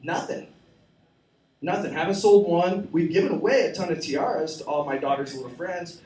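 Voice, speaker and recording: A man's voice: a little high, normal speed, darkish tone, a little hiss or hum. A man in his forties doing an open-mic stand-up set in a small cafe, rambling, profane and mocking himself. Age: 40s. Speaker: stand-up comedian. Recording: echoey room, mic at a distance.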